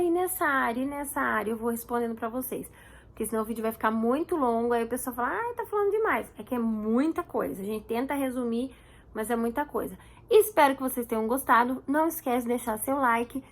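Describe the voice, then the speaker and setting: A Brazilian woman in her thirties chatting casually to camera as a vlogger, repeating words for emphasis. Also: a little high.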